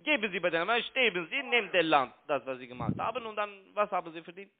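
A fast-talking man with a high-sitting, expressive voice mocks and pressures his listener in broken German. He grew up in Italy, his native language is Italian, and he works as a call center trading broker, heard here over a tinny phone line.

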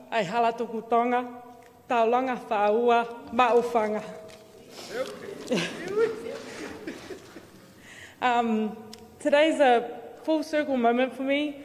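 A woman's voice: on the high side, a little mellow. A woman giving a heartfelt, earnest acceptance speech on stage. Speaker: award recipient. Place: large hall on stage. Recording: long hall reverb.

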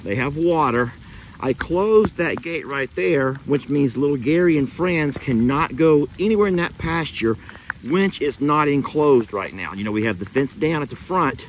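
A man's voice: a little high, animated, normal speed, a little hiss or hum, low-quality recording. A man, chatting casually to viewers as he vlogs his ranch chores outdoors, recorded on a handheld phone. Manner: chatty, talks straight to viewers. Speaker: ranch vlogger. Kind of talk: casual vlog narration. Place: outdoors on a rainy ranch and in a vehicle.

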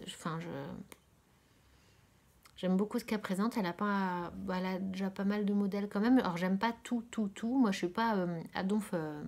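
A woman from France hosting a casual knitting podcast, talking hesitantly with many fillers, often dropping to a soft near-whisper and repeating her words of praise. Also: medium pitch. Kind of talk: casual chat about knitting.

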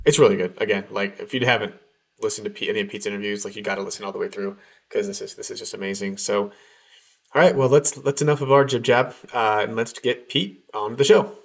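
A man's voice: on the low side, steady tone, fast talker, vocal fry. A man co-hosting a podcast, chatting casually and upbeat with many fillers over a call. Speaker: podcast co-host. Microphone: remote call.

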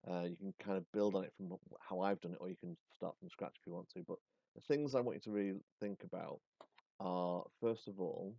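Deep-voiced man reading to a class. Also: brisk, gravelly, dry recording, lo-fi sound. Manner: expressive reading, then casual with fillers. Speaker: teacher. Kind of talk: reading a story aloud and giving a lesson.

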